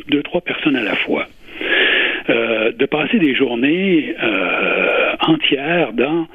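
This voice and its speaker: A man in his sixties with a Quebec French accent, giving earnest, deliberate interview answers and pausing to search for his words. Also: mid-range voice, breathy edge. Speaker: interview guest, retired public servant and volunteer. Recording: muffled phone-like radio line with echo.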